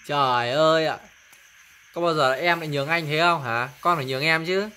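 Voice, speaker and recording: A woman's voice: low voice, brisk, bright, forceful tone, smooth. A woman filming her young children at home, coaxing and urging them to share and apologize in a casual family video.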